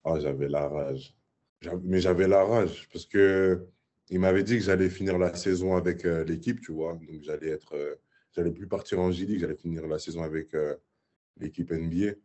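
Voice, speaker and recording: Husky low-voiced young man telling a story. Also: normal speed. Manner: lively retelling with sound effects and many fillers. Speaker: guest basketball player. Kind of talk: casual storytelling interview.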